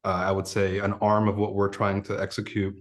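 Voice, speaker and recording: Upbeat male host with a lowish voice, casual interview, affirming and encouraging. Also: completely flat delivery, brisk.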